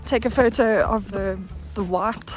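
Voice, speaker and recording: A woman with a mid-range voice talks cheerfully and quickly to the camera outdoors in cold rain. Clear music runs beneath her chat. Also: medium pitch. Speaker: travel vlogger. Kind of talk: casual travel vlog chat. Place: outdoors in cold rainy weather.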